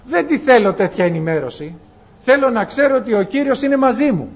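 High-voiced man preaching a sermon. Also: gravelly. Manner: lively preaching, acting out quoted dialogue, reading archaic scripture slowly. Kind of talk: sermon on a Bible passage.

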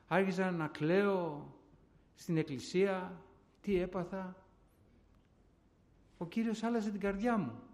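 A man with a high voice preaches a personal testimony to his congregation. His delivery is fervent and repetitive, and he keeps turning to his listeners as brothers and sisters. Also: darkish tone.

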